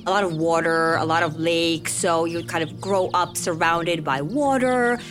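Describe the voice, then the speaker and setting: A woman's voice: lowish voice, unhurried, fairly bright tone, faint music behind. A woman from Finland, talking as a podcast guest in a chatty, easygoing way, often adding "right?" and "you know". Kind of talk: conversational interview.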